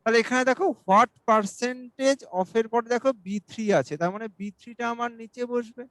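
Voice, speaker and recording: A male mathematics teacher giving an exam-prep lesson, explaining each step slowly and reading questions aloud. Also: very high voice, fairly bright tone, no room sound, poor audio. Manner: asks students for doubts.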